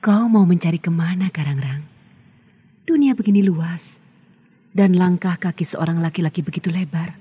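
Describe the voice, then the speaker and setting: A woman's voice: on the low side, normal speed, breathy edge. An actress voicing a stern, commanding queen in an old radio drama, with an authoritative, questioning manner. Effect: old radio show sound. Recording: thin, phone-like old radio play with music.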